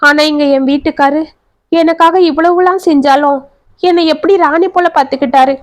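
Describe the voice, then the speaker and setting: A woman reads a domestic drama aloud in a high, clear voice. She voices each character herself, lifting her tone for the emotional lines. The recording is dry and close. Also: fairly even intonation, moderate pace, dry recording. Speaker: storyteller. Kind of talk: scripted story narration with dialogue.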